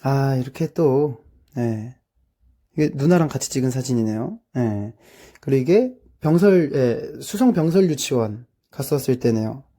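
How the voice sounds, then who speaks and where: A young man from South Korea chatting casually through his childhood photos, with lots of drawn-out filler words and amused asides. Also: medium pitch, expressive, warm tone. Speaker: streamer.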